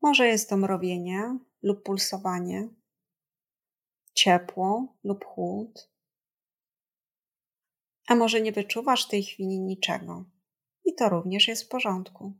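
A woman leads a guided body scan meditation at a slow, unhurried pace. Her delivery is calm and soothing, with a medium-pitched voice that has a creaky edge. She speaks gently and leaves long pauses between instructions.

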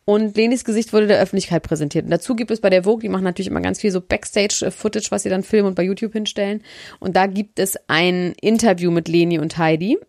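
A woman chats casually as a gossip podcast co-host. Her voice is middling in pitch with plenty of vocal fry, recorded close and dry. She talks colloquially, rephrasing as she goes. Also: fast, a little mellow, no room sound. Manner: chatty, colloquial, self-correcting. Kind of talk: casual chat about celebrity gossip.

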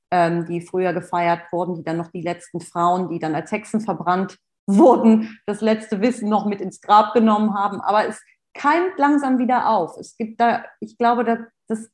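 A woman's voice: mid-range voice, darkish tone. A woman hosting a podcast interview, affirming and filler-heavy. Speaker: podcast host.

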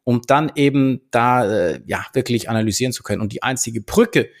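A man co-hosting a podcast, explaining in a thoughtful, hesitant way with many pauses and restarts. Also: mid-range voice, vocal fry. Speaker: podcast co-host. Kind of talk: casual podcast conversation.

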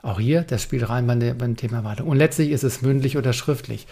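Gravelly man, punchy coaching talk. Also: medium pitch, quick pace, dark tone. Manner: punchy, rhetorical questions, addresses listener directly. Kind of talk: direct-to-camera talk.

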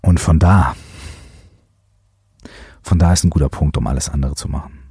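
Deep, husky man musing on a podcast. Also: normal speed, dry recording, studio quality. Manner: gentle, musing, with many fillers. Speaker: podcast host and coach. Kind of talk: reflective podcast monologue.

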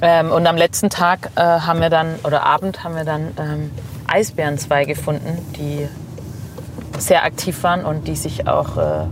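A woman's voice: low-pitched, noisy background. Chatty woman in a moving car. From Swabia, Germany. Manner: lively storytelling, many fillers and quick agreement. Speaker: travel blogger guest. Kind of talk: casual interview chat. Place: passenger seat of a moving car.

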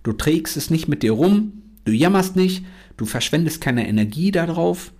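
A man's voice: fairly high pitch, lively intonation, moderate pace, darkish tone. A man hosting a podcast, giving an earnest motivational monologue and repeating self-affirmations. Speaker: podcast host.

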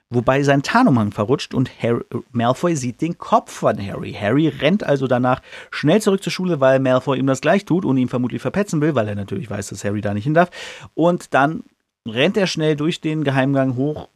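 A man's voice: medium pitch, no echo, studio quality. A man hosting a podcast, casually retelling a book chapter in a loose, colloquial way with slangy asides, now and then briefly mimicking the characters. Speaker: podcast host.

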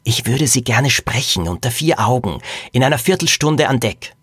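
A man doing a quick-witted girl detective. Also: medium pitch, lively intonation, fairly bright tone, slightly rough, no room sound, clean studio sound.

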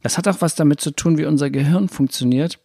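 A man's voice: a little high, fast talker, creaky, mellow, no room sound, clean studio sound. A man hosting a spiritual self-help podcast, talking in a rambling, self-correcting conversational way. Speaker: podcast host.

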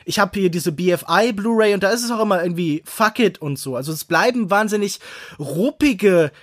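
A man's voice: high-pitched, animated, brisk, no room sound, studio quality. A man co-hosting a film podcast, talking through a film in long, reflective, winding sentences and searching for words as he goes. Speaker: podcast co-host, film critic. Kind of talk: analytical film discussion.

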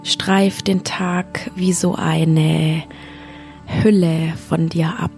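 A woman guides a sleep meditation in a soft, unhurried voice that often drops to a half-whisper. Her voice sits a little low and has a gravelly fry. Faint music plays behind her. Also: level tone. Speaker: podcast host, yoga teacher and mindfulness coach.

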